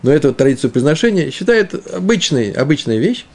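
A man teaching a Talmud lesson, explaining the text aloud, often repeating himself and slowing down on Hebrew terms. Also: a little high, sing-song, darkish tone.

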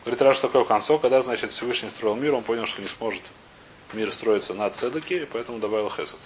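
Male teacher for an informal text lesson, reads then explains, gropes for words, poses questions; slightly noisy, hissy recording. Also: mid-range voice. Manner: halting, searching for words, questioning himself. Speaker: teacher of a Talmud class. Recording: clear background hiss and noise.

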